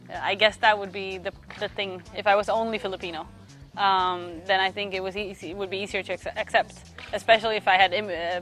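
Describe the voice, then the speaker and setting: A young woman from Sweden, speaking English with a voice of ordinary pitch. She is a youth worker giving thoughtful interview answers, stopping often to search for the right word. Quiet music plays faintly behind her.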